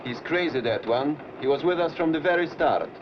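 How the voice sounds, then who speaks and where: A man's voice: a little high, brisk, close to an everyday voice. An actor playing a blunt, matter-of-fact European military man in a 1940s film, terse in his delivery. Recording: muffled, noisy old film soundtrack.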